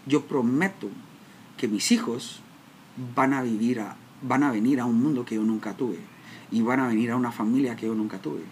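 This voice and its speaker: A man's voice: mid-range voice, a little mellow, slight background noise. A man from Guatemala with a Guatemalan accent, telling his life story in an emotional, dramatic way, often breaking off and restarting. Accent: Guatemalan Spanish. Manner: emotional, self-interrupting, dramatic retelling. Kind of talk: personal storytelling talk.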